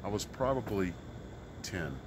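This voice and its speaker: Deep-voiced man, earnest street musician. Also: expressive, unhurried. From Mississippi, US South. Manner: earnest, rambling, many fillers. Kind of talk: casual street interview. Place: outdoors in a city park by a street. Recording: outdoor street noise behind.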